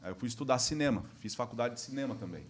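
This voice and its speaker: A man, an actor guest telling his story in a slangy, self-mocking, expressive way on a casual podcast. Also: mid-range voice, quick pace.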